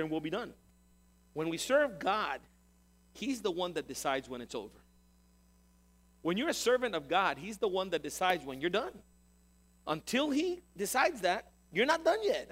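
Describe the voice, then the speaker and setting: Lively, high-voiced male preacher. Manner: animated, conversational preaching with swells of emphasis. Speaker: pastor. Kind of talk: sermon.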